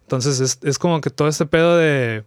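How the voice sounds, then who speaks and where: Young Mexican man, podcast guest, rambling slangy storyteller, crisp, dry sound. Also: fairly high pitch, moderate pace, no room sound. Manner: slangy, rambling, many restarts. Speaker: podcast guest, video creator. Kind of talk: casual chat, retelling an anime plot.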